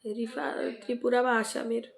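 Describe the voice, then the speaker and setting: Woman with a cold, gravelly low-key voice. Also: little pitch movement, normal speed. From West Bengal, India. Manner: greets and thanks commenters by name, asks for mentions. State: sore throat and cold, coughing. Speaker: live stream host. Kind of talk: casual live-stream chat with viewers.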